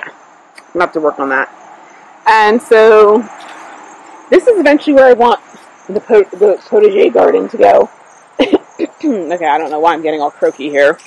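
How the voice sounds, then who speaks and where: A woman's voice: mid-range voice, husky, rough recording. A woman giving a casual walking tour of her backyard garden outdoors on a clip-on mic, thinking aloud with fillers and self-corrections. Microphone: clip-on microphone.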